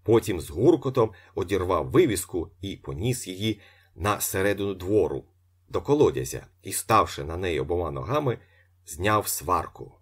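A male storyteller reads a novel aloud with a low, husky voice. His delivery is vivid and animated, the pitch rising and falling widely. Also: moderate pace. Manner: expressive, vivid. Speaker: narrator. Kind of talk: audiobook narration.

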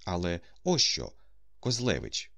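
A man's voice: low-pitched, huge pitch swings, a little slow, creaky, pushed and bright, no echo, exaggerated voice. A man doing Ostap, haughty con man. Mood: commanding. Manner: haughty, commanding, cool. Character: grand scheming male con man, adult.

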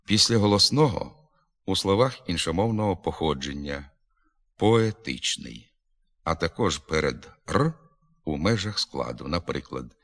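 Man, very deep voice, scripted pronunciation lesson, precise enunciation. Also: lively intonation, fairly bright tone. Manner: slow, careful, precise enunciation of example words. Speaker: pronunciation teacher. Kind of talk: scripted instructional reading.

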